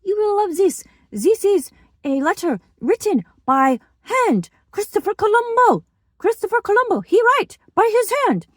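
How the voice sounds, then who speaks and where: A woman voicing an excitable Italian male tour guide who proudly shows off relics in broken English with an Italian accent. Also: extremely high pitch, normal speed, no room sound, clean studio sound, pitched above the performer's own voice. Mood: eager.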